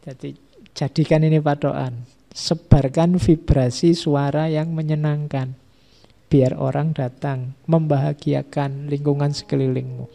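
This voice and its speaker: A man giving a relaxed, conversational philosophy lecture in a mosque, listing ideas one by one. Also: fairly high pitch, unhurried, vocal fry. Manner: conversational, repeats and lists ideas. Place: mosque hall.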